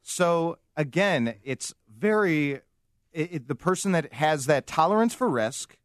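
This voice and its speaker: A man's voice: a little high, animated, a little slow, no echo, clean studio sound. A man, a mortgage guest confidently explaining loans on a radio show.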